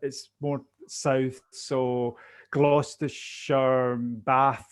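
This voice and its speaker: A man's voice: mid-range voice, level tone, extremely slow, clear, resonant tone. A man with a Glaswegian Scottish accent giving conversational interview answers as a business coach, often repeating words as he thinks aloud.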